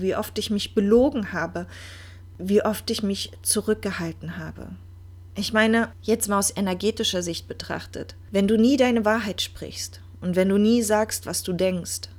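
Earnest woman musing on mindfulness. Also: medium pitch. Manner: earnest, reflective, addresses listener directly. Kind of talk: personal monologue on mindfulness.

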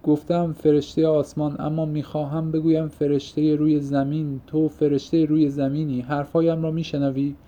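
A man's voice: fairly high pitch, level tone, few pauses, warm tone, close to an everyday voice. A man voicing a fervent young man confessing. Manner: fervent, poetic outbursts. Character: impassioned young man pouring out his heart. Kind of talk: audiobook reading. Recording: muffled lo-fi recording.

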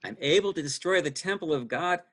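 A man's voice: on the high side, expressive, brisk, a bit bright. A man reading the parts of a Roman governor and accusers in a dramatized scripture reading, plain and earnest. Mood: questioning. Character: male governor and accusing crowd voices.

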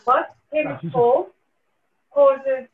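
A woman's voice: high voice, steady tone, very slow, reverberant, narrow, tinny audio. Woman quiz host, choppy breaking-up call. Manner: asks short questions and repeats them. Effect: choppy video-call audio breaking up. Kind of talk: reading out quiz questions on a video call. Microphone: computer mic on a video call.

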